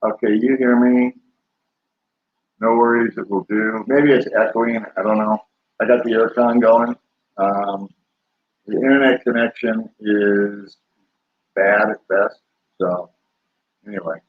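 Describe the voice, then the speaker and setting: A middle-aged man talks loosely with his viewers, trailing off into fillers. His voice sounds husky and comes through metallic, gurgling and robot-like. The stream audio is dull and lo-fi. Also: on the low side, measured pace, long pauses. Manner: rambling, relaxed, trails off with fillers. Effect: metallic, garbled robot-like stream audio. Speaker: livestream host. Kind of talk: casual livestream chat with viewers. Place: home room with the air conditioner running.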